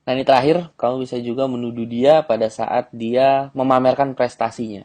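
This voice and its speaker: A man teaching as a dating coach in an instructional audio lesson, talking directly to the listener and often checking in with a quick "okay". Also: medium pitch, fairly even intonation, mellow.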